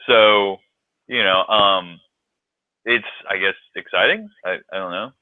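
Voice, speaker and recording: A man's voice: fairly low pitch, slow pace, no room sound. A man co-hosting a casual podcast chat, laid-back and swearing freely, often hesitating with ums. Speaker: podcast co-host. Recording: tinny phone-like line, dry.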